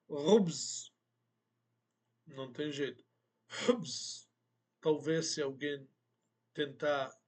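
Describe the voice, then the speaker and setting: A man teaching a language lesson, speaking slowly and deliberately, repeating words for emphasis. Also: on the high side. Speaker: Arabic teacher.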